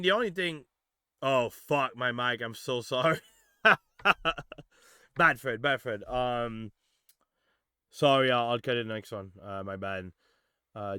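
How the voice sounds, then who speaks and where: A man hosting a live review stream from his home studio, his voice bright and forceful, smooth and crisp, set against a dry, close sound. He talks in a loose, rambling way, full of fillers and easy swearing. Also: medium pitch, no echo. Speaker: music producer hosting a demo review stream. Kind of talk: casual live-stream chat and feedback. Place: home studio on a Discord call.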